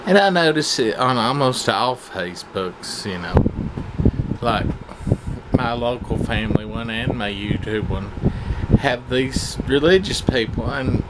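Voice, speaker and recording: A man's voice: mid-range voice, animated, unhurried. A man chatting casually in a rambling vlog, hesitant and meandering, frank and coarse in his wording. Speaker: vlogger. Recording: loud fan noise over the voice. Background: whirring fan.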